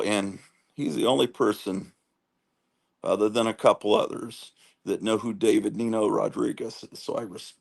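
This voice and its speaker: A man's voice: mid-range voice, gravelly. A man in his fifties hosting a casual livestream, rambling and reading viewer chat aloud with a self-deprecating manner. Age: 50s. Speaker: comic collecting livestream host.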